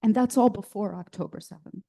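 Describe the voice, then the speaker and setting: Emotional woman with a warm voice. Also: mid-range voice, creaky. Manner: heartfelt, halting, many fillers. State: emotional, voice near cracking. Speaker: guest speaker. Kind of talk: speech to a congregation. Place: church service, in person.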